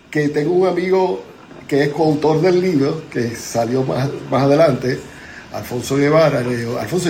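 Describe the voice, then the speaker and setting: A fairly high-pitched male voice belongs to a Puerto Rican motivational speaker in his seventies, sharing his life story in a relaxed interview with a Puerto Rican Spanish accent. Slight background noise is audible.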